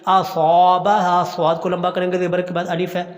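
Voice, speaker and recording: A man teaching Quran recitation, chanting each phrase slowly and then explaining how to pronounce it. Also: high-pitched, completely flat delivery, big-room sound. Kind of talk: recitation lesson.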